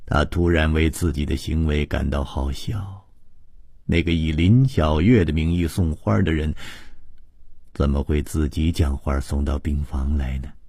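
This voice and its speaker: Very deep, husky male storyteller. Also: steady tone, unhurried, mellow, no echo, clean studio sound. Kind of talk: radio serial storytelling.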